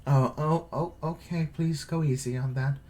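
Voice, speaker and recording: A man's voice: on the high side, steady tone, moderate pace, a little mellow, voice pushed up, natural voice. A man voicing a polite, hesitant female castle servant in a tabletop game. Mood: fussy. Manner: hesitant, courteous, stammering.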